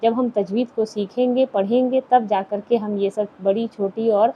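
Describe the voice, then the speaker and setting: A woman's voice: a little high, steady tone, highs cut off. A woman teaching a lesson on Quran recitation. She asks her listeners questions, answers them herself, and repeats the key points.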